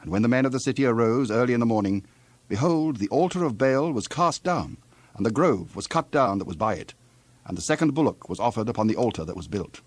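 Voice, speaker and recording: A man narrating scripture from a script in a measured, formal manner. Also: medium pitch, lively intonation, no room sound.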